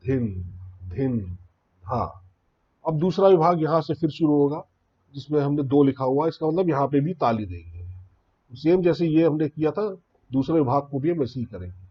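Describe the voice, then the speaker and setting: A man's voice: on the high side, breathy edge, dull audio. A man teaching a beginners' tabla lesson, explaining rhythm patiently and reciting drum syllables one by one. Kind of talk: spoken music lesson.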